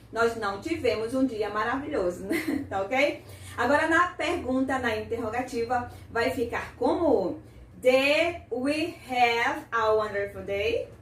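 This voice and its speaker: A woman teaching an English grammar lesson, saying example sentences slowly and carefully and repeating them for the learner. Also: on the high side, reverberant, recorded from a distance, a little hiss or hum.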